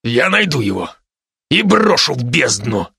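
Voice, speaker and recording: A man's voice: medium pitch, very animated, a little slow, vocal fry, sharp tone, breathy edge, no echo, exaggerated voice. A man voicing a toy tiger prince who leads the other toys with urgent, pleading calls, in a dry storybook reading. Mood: bitter.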